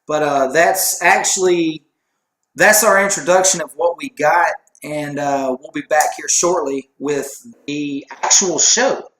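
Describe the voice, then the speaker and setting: In an echoey room, a man with a fairly high, fairly bright voice co-hosts a laid-back sports chat show. He takes his time, rambling and poking fun at himself.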